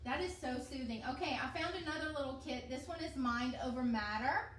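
A woman chatting excitedly as she unboxes products on a livestream, recorded on a phone from across a home kitchen. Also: high-pitched, fairly quick, a little hiss or hum. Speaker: host of an essential oils unboxing. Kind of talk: casual unboxing chat on a livestream. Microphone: phone camera across the counter. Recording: echoey kitchen, heard from a distance.

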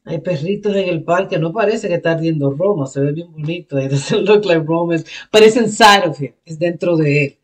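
A woman's voice: fairly low pitch, normal speed, hardly any pauses. A woman hosting a reaction video, switching between Spanish and English as she explains lyrics and thinks aloud. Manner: thinks aloud, restarts and self-corrects. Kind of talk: casual reaction commentary.

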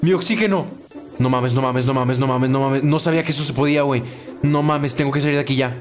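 A man's voice: mid-range voice, fast talker, soft background music. A young man with a Mexican Spanish accent, commenting on a horror game as he plays, swearing and shrieking when scared. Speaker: gaming streamer. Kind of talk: let's play commentary.

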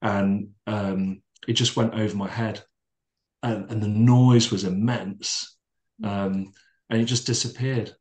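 A middle-aged man talks in a calm, measured way as a podcast guest, his voice sitting a little low. He circles back on his words, with plenty of fillers, as he reflects. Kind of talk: reflective storytelling in conversation.

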